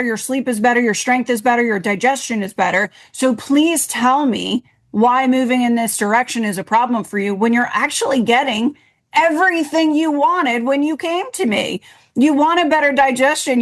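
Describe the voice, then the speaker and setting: A woman co-hosting a podcast, talking directly and repetitively about coaching clients. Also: on the high side. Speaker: podcast co-host, health coach. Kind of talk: casual podcast chat.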